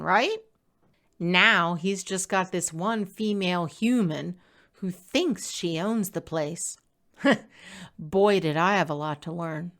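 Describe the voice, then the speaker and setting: A woman with a fairly low-pitched voice reads her own blog post aloud. It's scripted personal narration, delivered in a conversational, expressive storytelling style.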